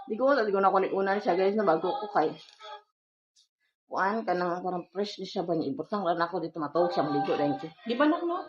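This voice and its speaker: A woman's voice: lowish voice, animated, fast, roomy sound, highs cut off, faint music behind. A young woman from the Philippines chatting casually in a home vlog, talking to her viewers and coaxing her toddler. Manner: chatty, keeps addressing viewers, coaxes her toddler in baby talk. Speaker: vlogger and mother.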